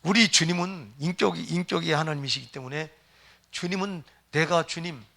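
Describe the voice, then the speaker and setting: A man's voice: a little high, normal speed, gravelly, bright, forceful tone. A middle-aged man preaching a sermon as pastor, emphatic and firing rhetorical questions at the congregation.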